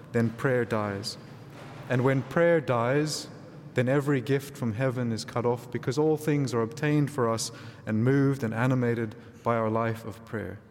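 Male priest, measured solemn homily and scripture reading, mid-pitched voice, long cathedral echo. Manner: measured, solemn liturgical delivery. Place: large reverberant church interior.

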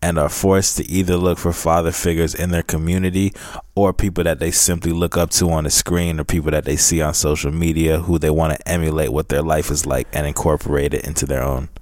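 A man's voice: low-pitched, a little mellow, no room sound, studio quality. A young American man hosting a podcast, speaking in a reflective, motivational way. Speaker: podcast host.

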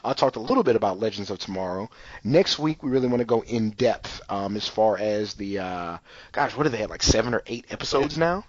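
This podcast host chats loosely and casually, his speech full of "you know" and "like." His fairly low voice is expressive and fairly quick, though the mic sounds dull.

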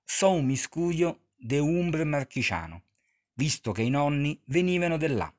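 A man's voice: on the high side, expressive, measured pace. A man from Rome with a strong Romanesco accent, telling stories conversationally as an interview guest. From Rome, Italy. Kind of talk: conversational storytelling in dialect.

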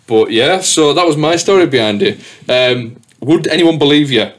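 A man's voice: a little high, animated, moderate pace. Chatty, swearing male podcast host. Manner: chatty storyteller, swears freely, full of fillers. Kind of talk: casual chat.

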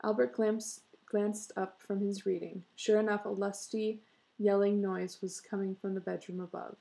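A woman reading a short story aloud in a steady voice, breaking into laughs now and then. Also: medium pitch, moderate pace, creaky. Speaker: reader.

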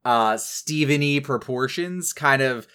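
A man in casual podcast chat, recapping a cartoon episode in animated detail with many fillers. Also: mid-range voice, slow pace, smooth. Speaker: podcast co-host.

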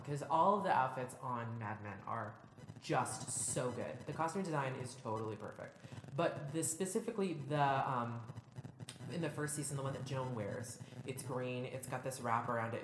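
A woman's voice: very deep voice, a little hiss or hum. A woman co-hosting a podcast, chatting casually and gushing enthusiastically about costumes. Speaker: podcast co-host. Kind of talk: casual chat. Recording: roomy room echo.

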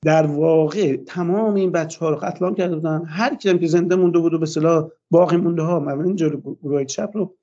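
An older man with a slightly high voice that still sounds dark and mellow. He gives a long personal account for a radio interview, pausing often on "uh" fillers. The sound is dull and lo-fi. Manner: long, hesitant retelling with frequent "uh" fillers. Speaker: interview guest.

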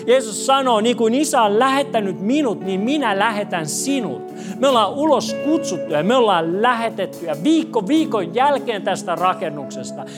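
A male pastor preaching a sermon in a conversational style, moving from emphatic lines to hushed ones. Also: high voice. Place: church.

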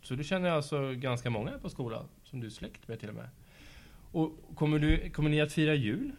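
A man working at a school, interviewing children in a casual, patient and encouraging way, asking gentle follow-up questions. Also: on the high side, expressive, vocal fry. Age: adult. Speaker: school after-school staff interviewer. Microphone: handheld mic passed to pupils.

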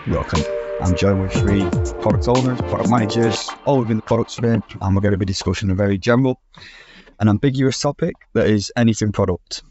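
Low-voiced male podcast host. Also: a little fast, darkish tone, faint music behind. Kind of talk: hosting a podcast panel. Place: podcast room. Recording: slightly muffled podcast recording.

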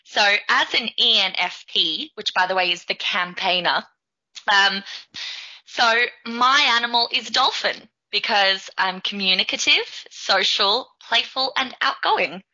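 An Australian woman co-hosts a casual podcast with a chatty, playful manner. Her voice is very bright and forceful, at a middling pitch. The sound is slightly lo-fi. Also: a little slow. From Melbourne, Australia. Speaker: podcast co-host.

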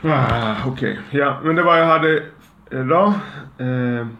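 A man's voice: mid-range voice, creaky. A man hosting his own show, ranting casually in a heated, profane, restless way. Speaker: host. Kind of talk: casual opinion rant. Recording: roomy, dull, faint background hum.

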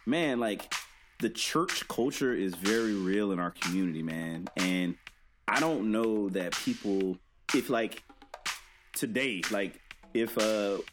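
A man's voice: on the low side, slow, music in the background. A man earnestly making his point in casual podcast discussion, with plenty of fillers.

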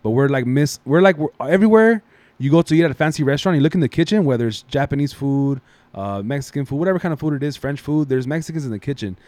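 Casting: quick, slangy young man from Los Angeles as a podcast guest, dry close sound. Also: fairly high pitch, animated, a little mellow, dry recording. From Southeast Los Angeles. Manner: fast, laid-back, slangy, laughs often. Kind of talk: casual podcast chat.

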